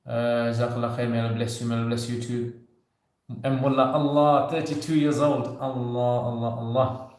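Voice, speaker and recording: A man's voice: medium pitch, flat delivery, moderate pace, a little mellow. A man in his thirties hosting a casual livestream Q&A, talking loosely and joking with viewers. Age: 30s. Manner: conversational, loose, with frequent "you know" and light joking. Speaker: livestream host answering viewer questions. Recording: very echoey room.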